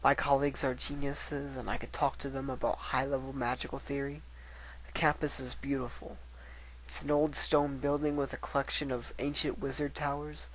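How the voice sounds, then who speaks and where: A man's voice: medium pitch, little pitch movement, normal speed, fairly bright tone, close to an everyday voice, low-quality recording. A man voicing an earnest, bookish female unicorn scholar in an articulate, reflective dramatic reading of a letter. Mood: earnest, fond.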